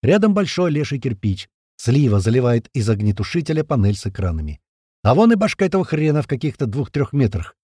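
A man narrating a first-person audiobook in a colloquial, rough-spoken, vivid way. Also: mid-range voice, sing-song, brisk, dark tone, no echo, studio quality.

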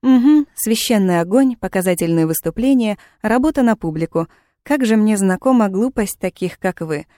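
A woman's voice: medium pitch, normal speed, darkish tone, no room sound, studio quality, close to an everyday voice. A woman voicing a defiant young witch in chains, speaking with cool, mocking sarcasm. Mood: sarcastic.

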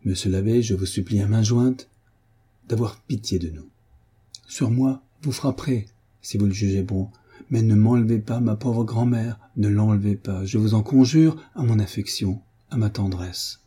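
A man's voice: on the low side, moderate pace, dark tone, husky. A man reading the part of a young woman schoolteacher, earnest and imploring. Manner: imploring, heartfelt.

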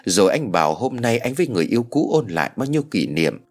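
A man narrating an audio story in an expressive storytelling manner. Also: medium pitch, fast. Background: soft background music.

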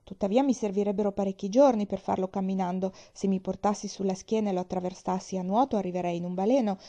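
A woman voicing a sly, persuasive male scorpion from a fable, speaking in a smooth, coaxing way. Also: mid-range voice, steady tone, quick pace, dark tone, dull audio, natural voice.

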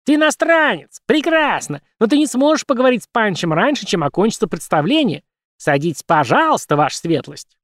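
A man voicing a shrill, pushy male puppet showman with a squeaky, birdlike voice. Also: fairly quick, no room sound, clean studio sound. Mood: exclaiming. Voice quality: squeaky, high birdlike chirp. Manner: grandly flattering, exclamatory barker. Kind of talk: audiobook character voice.

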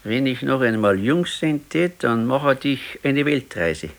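An actor with a mid-range, expressive voice speaks a little slowly and plainly in a Bavarian accent, playing an ailing, discontented 68-year-old husband full of regret. It's naturalistic 1970s radio play dialogue in dialect, and the mood is brooding regret.

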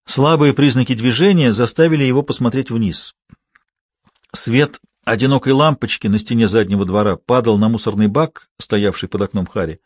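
An audiobook narrator, male and medium-pitched, reads a scripted thriller in an even, measured storytelling manner. The audio is studio quality with no room sound.

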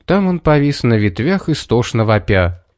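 A man reading a children's story aloud in an expressive way. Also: mid-range voice, moderate pace, no echo, studio quality. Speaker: narrator. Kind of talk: scripted storybook narration.

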